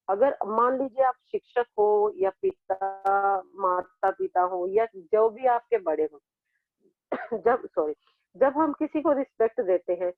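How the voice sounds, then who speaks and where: A woman's voice: mid-range voice, no echo. Patient woman teacher, tinny phone sound. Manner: patient, repeats word pairs slowly for pupils. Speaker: school teacher. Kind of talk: classroom grammar lesson.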